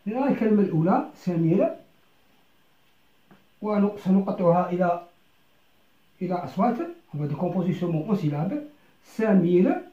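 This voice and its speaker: A teacher leads a beginner French lesson, switching to Arabic to explain it, and pronounces each word slowly, syllable by syllable, repeating it. The voice rises and falls a lot but stays mellow. The recording is roomy and a little dull. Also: mid-range voice, expressive. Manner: slow and deliberate, breaking words into syllables and repeating them.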